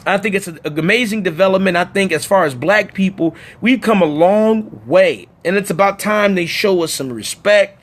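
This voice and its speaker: Animated high-voiced man streaming live. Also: normal speed, hardly any pauses. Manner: animated, emphatic, talks to viewers directly. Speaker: livestream host. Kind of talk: casual political livestream chat.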